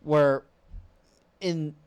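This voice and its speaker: A man co-hosting a relaxed casual chat. He backs up his friend with short affirmations. He offers his own opinions in a loose, conversational way. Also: a little high, very slow, smooth. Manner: agreeable, chimes in with short affirmations. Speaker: podcast co-host.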